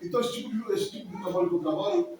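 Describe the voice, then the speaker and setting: A man in his forties tells his story to a church congregation at a quick pace, emotional and rambling, often circling back over the same words. His voice sits high for a man. He is picked up from a distance in a very echoey hall, with faint noise behind him. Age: 40s. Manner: emotional, rambling, repeats himself. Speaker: church member giving testimony. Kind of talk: spoken testimony in church.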